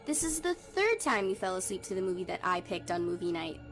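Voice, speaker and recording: A resentful young woman, acted by a woman spits out her grudge in a horror story. Her pitch swings widely, and soft music plays underneath. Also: big pitch swings, a little fast. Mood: bitter.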